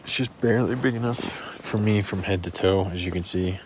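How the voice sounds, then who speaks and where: Low-voiced man on a noisy phone recording. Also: fairly quick. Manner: easygoing, rambling with fillers. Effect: recorded on a phone, audio bad. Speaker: hiker vlogger. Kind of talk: casual camping vlog. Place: inside a small tent with mesh liner. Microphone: phone mic.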